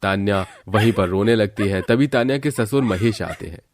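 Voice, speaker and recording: Male narrator, low voice, plain scripted storytelling. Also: moderate pace.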